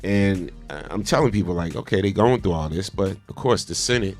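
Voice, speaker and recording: A man's voice: low voice, brisk. A man co-hosting a morning radio show, bantering like a DJ in colloquial speech with emphatic repetition. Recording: music playing behind. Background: music.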